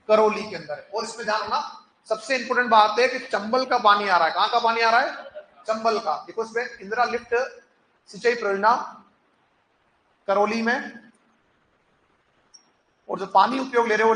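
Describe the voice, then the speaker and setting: A man's voice: sits high, pushed and bright. A male teacher giving an exam-prep lecture. He puts questions to the class, answers them himself and drills the key points again and again. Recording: echoey room with faint noise.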